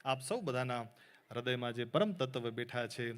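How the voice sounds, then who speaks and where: A man's voice: mid-range voice, expressive, moderate pace. A man with a Gujarati accent preaching to a temple audience, telling a story with acted-out dialogue and English phrases mixed in. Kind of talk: Gujarati religious discourse with storytelling. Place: temple hall before an audience.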